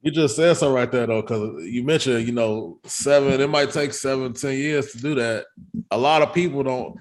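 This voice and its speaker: A man hosting a podcast, talking in a relaxed, conversational way and often saying "you know". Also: medium pitch, normal speed. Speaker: podcast host.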